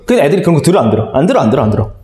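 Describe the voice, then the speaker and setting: A man's voice: a little high, very animated, very fast, mellow. A man teaching an online lesson, telling a playful story and quizzing his viewers with questions as he goes. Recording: echoey room.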